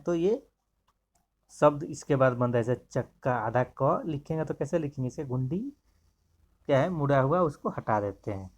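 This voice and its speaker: A man's voice: fairly high pitch, darkish tone. A man teaching a grammar lesson, explaining step by step and pointing to examples as he goes.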